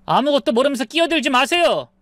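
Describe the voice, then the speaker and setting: A woman voicing a hot-tempered adult son who whines and yells in shrill, petulant outbursts. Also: expressive, brisk, dry recording. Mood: angry.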